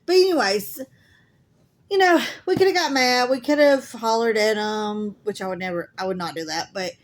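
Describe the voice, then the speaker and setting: A woman's voice: on the high side, moderate pace. A middle-aged woman with a Southern US accent chatting casually to her viewers, folksy and talkative, with an asthmatic cough. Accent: Southern US (Alabama). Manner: chatty, folksy, says y'all often. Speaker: crafting vlogger.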